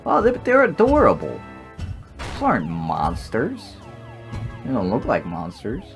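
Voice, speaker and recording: A man's voice: medium pitch, wildly swooping pitch, unhurried, vocal fry, soft background music. A young man giving casual, blunt, joking game commentary with plenty of swearing. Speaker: gaming video host.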